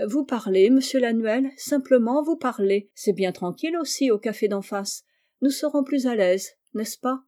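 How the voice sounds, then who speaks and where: A woman reading a story aloud, voicing a calm, shrewd female police detective who speaks gently but insistently. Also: medium pitch, unhurried, close to an everyday voice.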